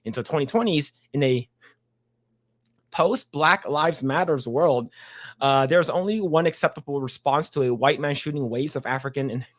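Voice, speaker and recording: A man from a Chinese background hosts a casual podcast, reading an article aloud and chatting with many restarts and fillers. His voice is on the high side and his pace moderate.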